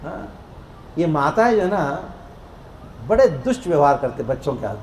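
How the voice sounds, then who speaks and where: A man preaching a devotional discourse to a congregation in a temple hall, playful and lively, leading the crowd in call-and-response chanting. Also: fairly high pitch, normal speed. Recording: echoey hall with faint noise.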